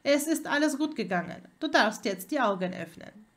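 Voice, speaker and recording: A woman reading the lines of a polite, calm young male wizard in a fan fiction audiobook. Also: high-pitched, moderate pace. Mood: gentle, polite. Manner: courteous, calm.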